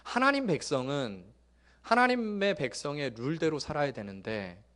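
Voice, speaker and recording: A middle-aged male pastor preaching a sermon, telling jokey stories that swing from loud bursts to hushed asides. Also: a little high, normal speed. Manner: lively, joking storytelling with sudden loud bursts and hushed asides.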